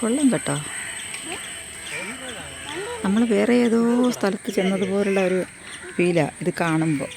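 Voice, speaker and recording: A woman walking a rural path on a casual vlog, hoarse from losing her voice, chatty and rambling as she repeats herself. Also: mid-range voice, unhurried, pauses often, background noise. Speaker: vlogger. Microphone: phone front camera at arm's length.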